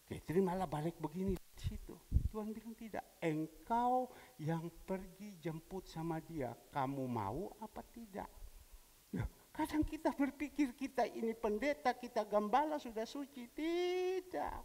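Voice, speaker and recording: Pastor preaching in a reverberant church. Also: male voice, big pitch swings, unhurried. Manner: wide swings in pitch and loudness, storytelling with quoted dialogue. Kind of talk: sermon. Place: church hall. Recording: long church hall reverb.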